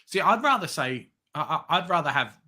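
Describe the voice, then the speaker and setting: A man's voice: a little high, very animated, fairly quick, sharp tone, breathy edge. A man co-hosting a football live stream, laid-back and casual. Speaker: co-host.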